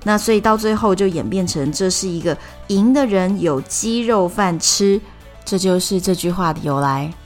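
A woman with a Taiwanese Mandarin accent hosting a storytelling podcast, explaining things in a chatty way with drawn-out sentence particles. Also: medium pitch, soft background music. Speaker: podcast host.

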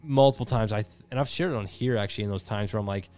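A man's voice: fairly low pitch, racing, darkish tone, faint music behind. Candid man in his thirties, casual podcast talk. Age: 30s. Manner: candid, self-deprecating, swears casually. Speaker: podcast co-host. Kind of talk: casual reflective chat.

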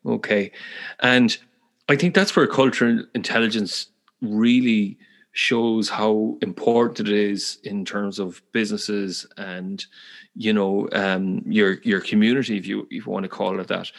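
A man's voice: on the low side, steady tone, measured pace, gravelly. A man with a Galway Irish accent hosting a conversational interview, speaking in a careful, thoughtful way. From west of Ireland. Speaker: podcast host, interviewer.

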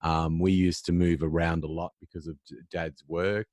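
A male podcast host with a very deep voice and a dry, close sound. He is effusive and affirming with his guest, asking questions between warm reactions. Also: level tone, moderate pace, no room sound. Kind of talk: interview.

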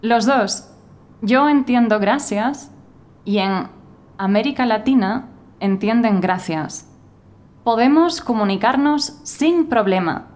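Slow, clear woman from Spain. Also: a little high, a little mellow. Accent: Spanish from Spain. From Spain (Galicia). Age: 20s. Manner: slow, clear, carefully spoken. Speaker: narrator and new Spanish teacher. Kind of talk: scripted learner story narration.

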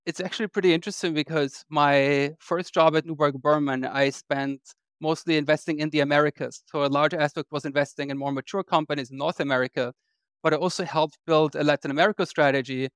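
Measured male guest from Austria, smooth voice, dry close recording. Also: fairly high pitch, steady tone, fairly bright tone, dry recording. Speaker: guest investor. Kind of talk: podcast interview.

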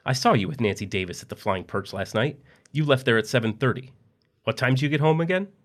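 A man's voice: medium pitch, lively intonation, fast talker, voice pushed up, natural voice. A man voicing a scorned, vengeful wife who speaks in cold, clipped threats.

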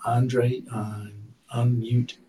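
A male interviewer asks questions in a loose, conversational way, often restarting mid-sentence. His pitch sits in a medium range. He sounds somewhat distant from the microphone. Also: level tone, extremely slow, warm tone. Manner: conversational, restarts and stammers while framing questions. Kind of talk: casual interview over an online audio room. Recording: distant from the mic.

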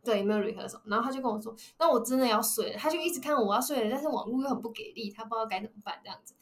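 A young woman speaks in quick bursts, running her podcast like a chat with a friend. Her voice sits a little high, and she tells her story in an animated way, acting out each line of dialogue as she goes. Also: a little hiss or hum. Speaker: podcast host. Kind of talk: casual chat.

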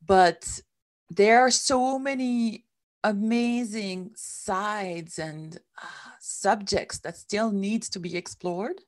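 A middle-aged Swiss woman tells her story as a guest in a candid interview, speaking slowly at a medium pitch. Her manner is reflective, and her non-native English carries small grammar slips.

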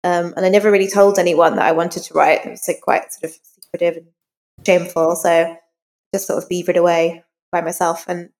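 A woman with a lowish, darkish voice speaks a little fast, with little pitch movement. She's an interview guest telling personal anecdotes in an informal, self-deprecating, conversational way. A long hall echo reverberates through the recording.

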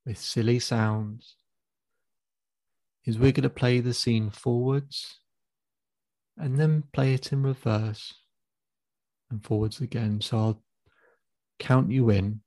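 A man acting as a therapist, leading a guided visualization exercise in a slow, calm, instructive way and counting the listener in. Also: medium pitch, dry recording. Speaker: therapist guiding a client.

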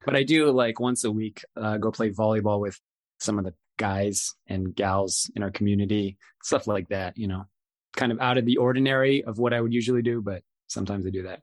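A man's voice: fairly low pitch, steady tone, brisk, no room sound. A man co-hosting a podcast, answering in casual chat, easygoing and brief. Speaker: podcast co-host.

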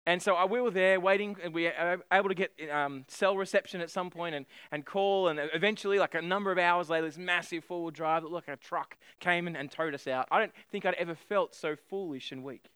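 A man's voice: high voice, a little fast, hardly any pauses, fairly bright tone, clear, resonant tone, no echo, studio quality. A man in his thirties from Australia, a pastor preaching a sermon and telling a personal story with self-deprecating humor.

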